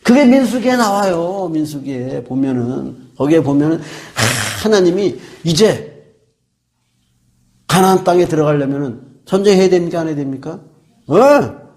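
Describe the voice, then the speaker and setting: Brief: middle-aged male pastor, sermon delivery, somewhat high voice, rhetorical questions answered himself, repeats key words. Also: animated, normal speed, a little mellow. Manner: asks the congregation questions and answers them himself.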